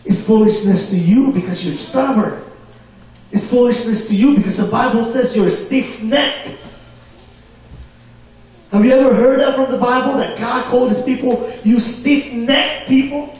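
Male preacher, high voice, call-and-response delivery, booming church echo, distant mic. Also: normal speed, long pauses, a little mellow. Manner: call-and-response, asks for amens. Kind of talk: sermon. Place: church hall. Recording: very echoey hall, mic far off.

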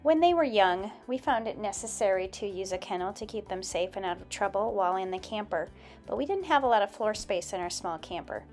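A woman's voice: mid-range voice, expressive, fairly quick, darkish tone, faint music behind. Woman narrating a DIY build. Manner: plain, step-by-step explanatory. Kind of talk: instructional voice-over narration.

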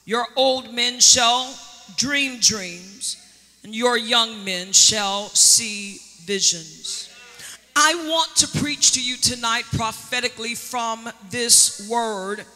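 In a church sanctuary, a woman preaches a sermon as a prophetess, drawing out key words with dramatic emphasis and calling on the congregation to answer in call-and-response. Her voice is fairly high and sharp, with soft background music and long church hall reverb.

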